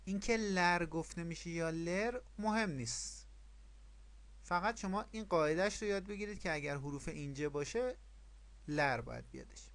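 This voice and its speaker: Fairly high-voiced man teaching a language. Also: lively intonation. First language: Persian. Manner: explains step by step, repeats rules and asks questions. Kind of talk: online language lesson.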